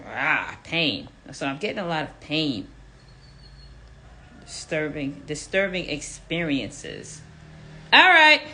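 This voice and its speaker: Hosting a live audience chat in an audio room, a woman in her fifties reads listener comments aloud and stresses her questions by repeating them to the crowd. Her voice is lowish, pushed, and bright.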